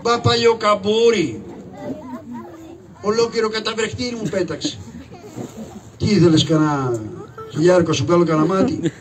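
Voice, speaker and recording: Before a live audience, a man voices Karagiozis, the scrappy poor hunchback trickster of shadow puppet theater, brash and full of mocking curses. His voice is high-pitched and fairly even, lightly acted with long pauses, and the stage recording is distant with audience noise.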